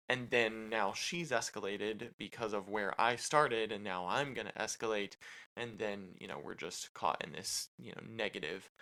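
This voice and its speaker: A man's voice: lowish voice, gravelly, pushed and bright. A man co-hosting a podcast with his wife, talking casually with lots of "you know" fillers and restarts. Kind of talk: casual chat.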